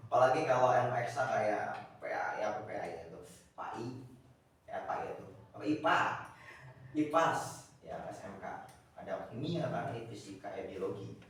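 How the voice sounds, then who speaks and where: Heard from a distance in an echoey classroom, a man delivers a lecture to his class. His fairly low voice is expressive and moves at a moderate pace, and he rambles, repeating words and leaning on fillers.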